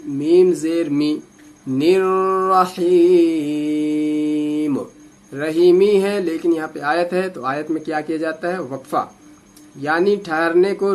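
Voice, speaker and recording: हिंदी-उर्दू लहजे वाला एक पुरुष कुरान शिक्षक, जो आयतें धैर्य के साथ एक-एक हिज्जे में तोड़कर धीरे-धीरे पढ़ाता है।. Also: male voice, on the high side. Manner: patient, drawn-out syllable drilling. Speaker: Quran teacher. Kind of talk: slow spelled-out recitation lesson.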